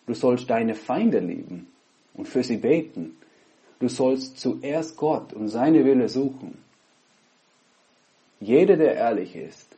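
A man from the Netherlands, a pastor speaking German with a Dutch accent, gives an earnest online sermon and prayer through a headset at his laptop, pausing often between phrases. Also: mid-range voice, mellow. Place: home, recorded at a laptop.

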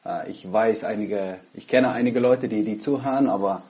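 A Dutch pastor from the Netherlands, speaking German with a Dutch accent, delivers an earnest online sermon and prayer from home through a headset at his laptop. His voice is fairly low with a dark tone, and he pauses often between phrases.

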